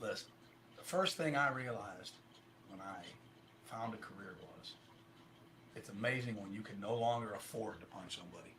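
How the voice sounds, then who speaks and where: A man's voice: fairly low pitch, moderate pace, long pauses, fairly bright tone, slight background noise. A middle-aged man chatting casually and jokingly, rambling along with profanity and self-deprecation.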